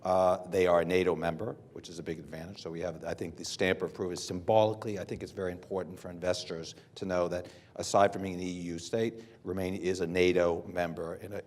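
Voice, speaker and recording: An American man speaking on a business conference panel, unscripted and measured, with frequent fillers and restarts. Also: low voice, darkish tone. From United States. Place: hotel conference room.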